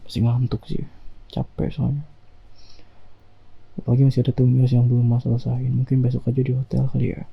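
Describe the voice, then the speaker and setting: A man in whispered role-play as an affectionate husband, talking softly and teasingly to his sleepy wife on a binaural mic. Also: medium pitch, monotone, a little fast, creaky, pauses often, breathy edge, muffled recording. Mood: soft, soothing. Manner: soft, intimate, teasing. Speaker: ASMR performer.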